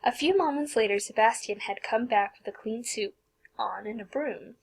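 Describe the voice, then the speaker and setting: A woman's voice: a little high, moderate pace, creaky, slightly rough, low-quality recording. Young woman reading fan fiction aloud. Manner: stumbles and restarts, breaks off to comment and swear. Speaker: fanfic reader.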